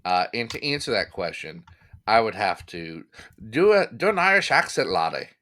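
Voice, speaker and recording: A man co-hosting a comics podcast in casual comedic chat, jokey and animated, swinging between loud bursts and mumbles. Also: lowish voice, moderate pace. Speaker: podcast co-host.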